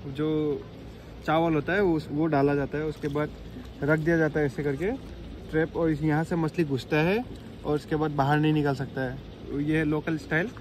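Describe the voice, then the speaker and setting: Young male co-host, relaxed, explanatory, somewhat raised pitch, phone-recorded outside. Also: moderate pace, low-quality recording. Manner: relaxed, explaining things to viewers. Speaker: co-vlogger. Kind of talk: casual travel vlog talk. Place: outdoors by a river, rainy. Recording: phone audio with faint outdoor noise.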